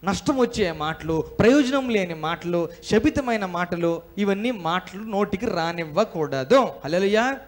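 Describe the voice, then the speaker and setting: A male pastor from India preaching a sermon in church. He speaks emphatically, asks the congregation questions and has them repeat lines after him. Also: high voice.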